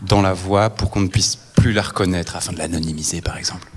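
This is a man from Belgium speaking with a fairly low voice on a casual live radio broadcast. He chats in a wry, playful way and pokes fun at himself. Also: fairly even intonation, fast, slightly rough, in a large hall.

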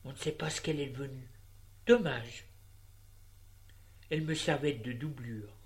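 A woman reading a story, voicing a cold, scheming young widow who speaks smoothly and politely but firmly. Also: rumbling low, moderate pace. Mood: scheming, offhand.

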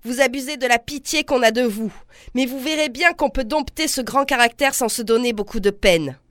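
A woman's voice: fairly high pitch, normal speed, no echo, clean studio sound, natural voice. A woman reading as a furious domineering husband. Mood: angry. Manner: blustering, scornful, shouting insults. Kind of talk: literary reading aloud.

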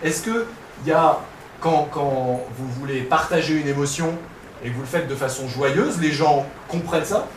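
A man's voice: a little high, normal speed. Casual man explaining in an echoey hall. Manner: casual, explanatory, demonstrates with his own voice. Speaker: researcher presenting voice experiments. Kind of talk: public science talk. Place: conference hall. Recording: echoey hall, distant mic, faint noise.

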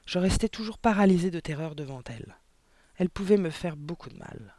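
A man reading a storybook aloud, voicing a gentle, timid young woman schoolteacher who speaks softly and earnestly. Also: a little high, expressive, brisk, no echo.

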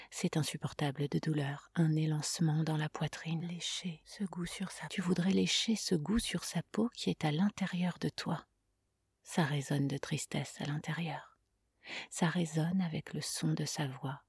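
Breathy, low-voiced woman; slow intimate whispered reading, dry close mic. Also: a little mellow, dry recording. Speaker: reader.

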